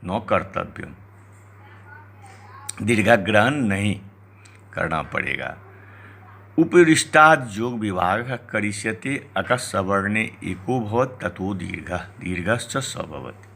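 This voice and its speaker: Slow, bright-voiced male grammar lecturer. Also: lowish voice, expressive, vocal fry. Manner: recites Sanskrit text then explains in Hindi; slow, deliberate explanatory delivery.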